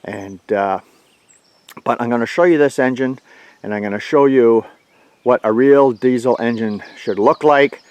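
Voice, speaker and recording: A man's voice: medium pitch, measured pace, darkish tone, dry recording. A man giving a blunt, folksy, plainspoken walkaround review of his tractor outdoors. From Canada.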